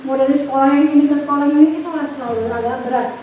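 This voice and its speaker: Earnest woman principal in her thirties, fast delivery, roomy and noisy recording. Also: high voice, fairly even intonation, mellow. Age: 30s. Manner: earnest, explains with examples and quoted dialogue. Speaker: school principal. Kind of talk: interview about school leadership. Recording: echoey room, far from mic, noisy.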